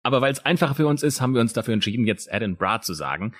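A male co-host of a true crime podcast, speaking with a Palatinate German accent, tells the story dramatically and with pauses. His voice is medium-pitched and animated.

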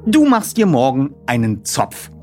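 A man's voice: mid-range voice, wildly swooping pitch, a little slow, mellow, faint music behind, voice pushed up. A man voicing a bossy, know-it-all teenage boy who leads a detective trio and talks in a precise, lecturing way.

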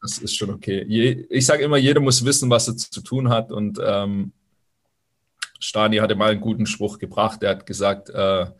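Male guest, forties, low register, hesitant reflective delivery with many fillers. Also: fairly even intonation, normal speed. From Swabia, Germany, Italian roots. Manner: thoughtful, hesitant, frequent fillers. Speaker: former professional footballer, guest. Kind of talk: reflective interview answers.

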